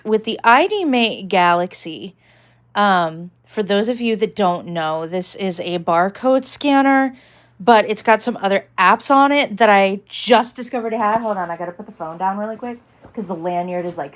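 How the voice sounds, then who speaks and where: A woman vlogger giving a casual tech demonstration, rambling with lots of fillers. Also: medium pitch.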